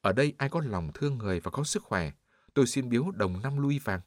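A man doing an urgent, noble gentleman. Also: mid-range voice, animated, a little fast, dry recording, clean studio sound, lightly acted. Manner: urgent pleading. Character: respected middle-aged man, urgent and generous.

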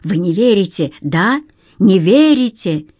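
A woman's voice: medium pitch, sing-song, unhurried, a little mellow, breathy edge, no room sound, clean studio sound. A woman voicing a panicky, hysterical young male banker in an audiobook, with frantic, sobbing pleas.

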